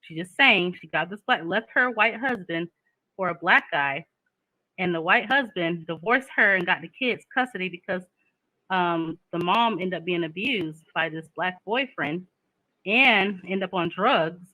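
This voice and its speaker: A woman's voice: fairly low pitch, animated, a little slow, sharp tone, no room sound, low-quality recording. A woman, talking candidly in a casual chat and laughing often.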